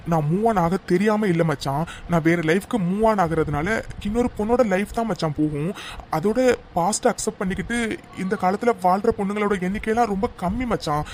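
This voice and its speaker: A man voicing a heartbroken young man who calmly refuses to move on, in a cartoon love story. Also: high-pitched, slight background noise, lightly acted. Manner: subdued, resigned. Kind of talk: cartoon voice acting.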